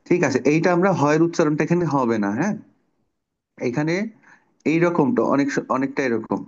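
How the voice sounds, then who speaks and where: Guy teacher walking kids through spelling and pronunciation, slightly high voice, kinda muffled call audio. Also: normal speed. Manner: patient, explains pronunciation step by step, asks questions. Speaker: Bangla teacher. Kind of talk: online class lesson.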